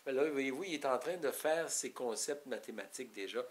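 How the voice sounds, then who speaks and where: Québécois man, mid-pitched, loose explainer for a parenting talk, faint hiss behind. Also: fairly quick. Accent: Québécois French. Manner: rambling, explanatory, many restarts. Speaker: parenting educator. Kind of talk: informal teaching talk.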